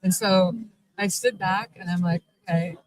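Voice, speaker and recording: She's a middle-aged shop owner, specifically of a vampire shop, casually telling a long, wandering story during a live interview at a convention. Her voice sits on the low side, fairly even in intonation at normal speed, with many restarts, and the recording is rough.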